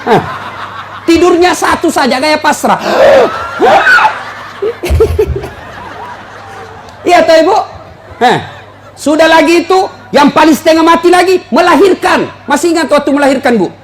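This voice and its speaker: A man preaching a humorous sermon, joking and animated, swinging between loud bursts and low asides. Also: a little fast, some chatter behind. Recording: faint background noise.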